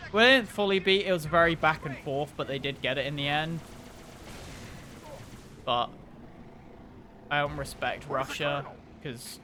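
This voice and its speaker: A young man gives rambling, casual game commentary, full of swearing and sudden excited reactions. His voice sits a little high and sounds bright. A faint hiss runs under it. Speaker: streamer.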